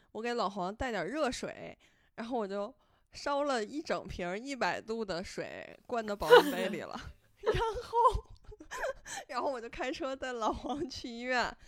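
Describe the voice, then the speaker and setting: A woman's voice: on the high side, dry recording, studio quality. A woman podcast host, telling a story in casual chat and laughing as she goes.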